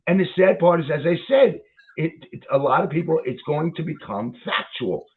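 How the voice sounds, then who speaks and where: A man's voice: fairly high pitch, expressive, normal speed. Guy going off, cursing a lot, voice swings all over, sounds like a phone line. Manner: heated, swears a lot, repeats himself. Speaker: commentator reacting to a video. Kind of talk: profane ranting commentary.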